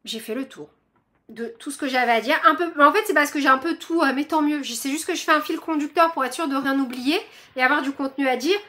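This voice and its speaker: A woman's voice: high-pitched, fast talker, bright, forceful tone. A young woman, hosting a crochet vlog and chatting to her viewers in a bubbly, rambling way full of fillers. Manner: bubbly, self-described chatterbox, lots of fillers. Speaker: crochet channel host.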